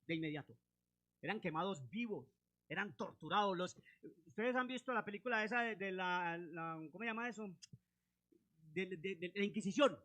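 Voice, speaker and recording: Bright, high-voiced impassioned male preacher. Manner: impassioned preaching, rising and dropping sharply, drawn-out emphasis. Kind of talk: sermon.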